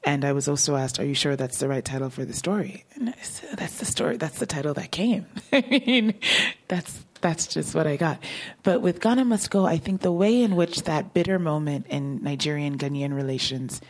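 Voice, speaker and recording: Speaking at a moderate pace in a low register, a female novelist gives a casual talk on her writing at a book event. Between frequent laughs, she responds to questions from the audience.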